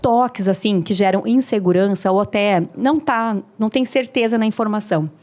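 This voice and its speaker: A woman's voice: mid-range voice, a little fast, a little mellow. A woman, a speaking mentor explaining tips in a friendly, teaching way as a podcast guest. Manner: didactic, demonstrative, friendly.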